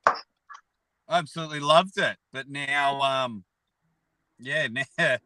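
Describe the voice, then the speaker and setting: A man's voice: medium pitch, slow pace, pushed and bright, slight background noise, low-quality recording. An Australian man with a blocked-nose sound, chatting casually from a car in a blunt, sweary, joking way. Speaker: guest, arm wrestling personality. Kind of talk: casual chat on a live stream. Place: sitting in a car.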